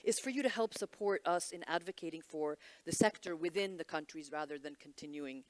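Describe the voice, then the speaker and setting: A woman's voice: low voice, a little fast. A woman from Egypt speaking on a panel, candid and wry, with many restarts and fillers. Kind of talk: panel discussion.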